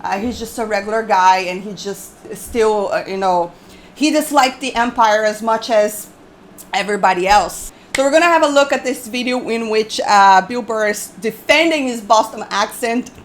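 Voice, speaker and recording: Higher-pitched woman hosting a reaction video. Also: moderate pace, a little hiss or hum. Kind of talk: casual reaction commentary.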